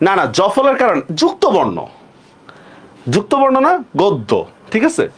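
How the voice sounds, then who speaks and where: A man's voice: high-pitched, wildly swooping pitch, moderate pace, a bit bright, breathy edge. A man teaching a live online class, repeating questions and checking often that students follow.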